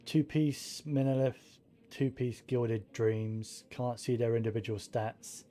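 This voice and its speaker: A male game streamer talks through his play in a mellow, medium-pitched voice, steady in tone and unhurried. He mutters as he thinks aloud and swears casually, with game music in the background.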